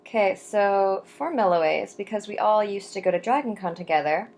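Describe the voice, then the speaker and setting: Answering her viewers' questions, this young adult vlogger talks to camera in a loose, chatty way, dotted with ums and asides. Her pitch is an ordinary womanly middle with a somewhat dark tone. She shifts to a careful, unhurried delivery when reading verse aloud.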